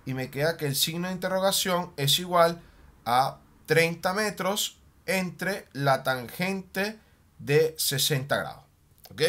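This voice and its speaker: A man teaching a math lesson at a board, animated, often checking in with a quick "ok?" and slowing down on key terms as he writes. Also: sits high. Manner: slows down and stretches key terms while writing.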